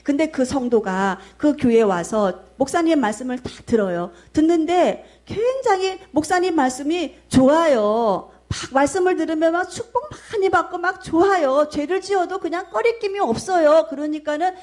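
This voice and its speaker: A middle-aged woman pastor preaching a sermon, telling a story in an emphatic, animated way. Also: sits high, moderate pace, hardly any pauses.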